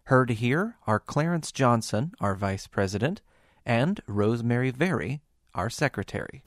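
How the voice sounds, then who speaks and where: A man narrates a documentary from a script. His voice sits at an average pitch and is captured dry, with no room sound. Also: expressive, measured pace, no echo.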